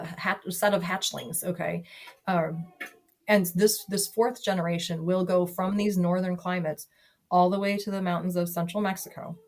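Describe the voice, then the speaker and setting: Chatty woman with a low voice. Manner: chatty, many fillers and restarts. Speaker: guest. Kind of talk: casual conversation.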